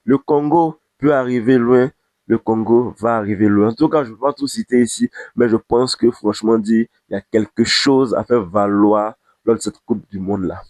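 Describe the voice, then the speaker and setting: A man's voice: fairly low pitch, normal speed, a little mellow, no room sound. Emphatic man, dry sound. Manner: emphatic, repeats phrases for emphasis. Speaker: football vlogger. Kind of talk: impassioned football commentary to camera.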